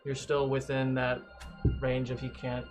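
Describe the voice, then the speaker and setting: A man's voice: medium pitch, monotone, a little slow, faint music behind. A man acting as game master, casually narrating and refereeing a tabletop game.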